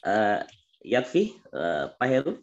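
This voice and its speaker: A man's voice: fairly low pitch, wildly swooping pitch, slow, highs cut off. A man teaching an online Arabic reading class, explaining patiently and repeating examples.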